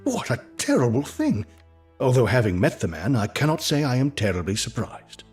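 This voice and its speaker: Actor as Doctor Watson, blustering gentleman. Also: mid-range voice, big pitch swings, moderate pace, soft background music, close to an everyday voice. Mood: indignant. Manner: outspoken, blustering. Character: blunt, indignant Victorian gentleman doctor, detective's companion. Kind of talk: period audio drama acting.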